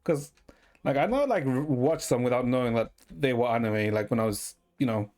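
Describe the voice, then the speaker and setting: A man's voice: mid-range voice, expressive, moderate pace, a little mellow. A man from Ecuador chatting casually to his live stream viewers in a rambling, informal way, swearing freely. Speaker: livestreamer. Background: music.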